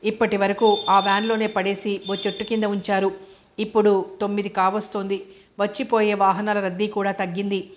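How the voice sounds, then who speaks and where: A woman voicing a frightened young woman college student who speaks slowly and haltingly. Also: medium pitch, little pitch movement, slight background noise, natural voice. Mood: shaken. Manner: shaken, slow and halting.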